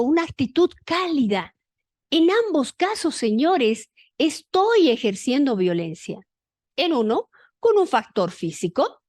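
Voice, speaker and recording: A woman speaking at a conference, lecturing in a lively way and asking the audience rhetorical questions. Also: sits high, dry recording. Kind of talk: lecture at a congress.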